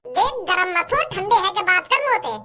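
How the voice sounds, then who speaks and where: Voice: very high-pitched, expressive, a little fast. A performer voicing a coaxing, scheming elder brother in a cartoon. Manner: coaxing, persuasive. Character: scheming elder brother, village young man. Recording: loud crowd noise behind.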